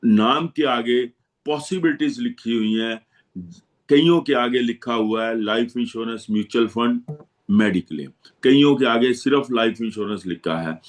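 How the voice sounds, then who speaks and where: A man speaking as a guest to financial advisors, giving a motivational talk in which he repeats his slogans to rally them. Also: mid-range voice. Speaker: guest speaker on insurance and investment.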